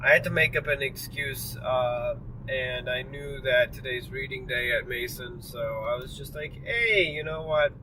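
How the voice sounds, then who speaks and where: A man's voice: mid-range voice, flat delivery, measured pace, hardly any pauses. Tired rambling young man in a car. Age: young adult. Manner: rambling, tired, apologetic, many fillers. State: tired and yawning. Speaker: vlogger. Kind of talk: casual driving commentary. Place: inside a moving car. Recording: distant mic with clear road noise.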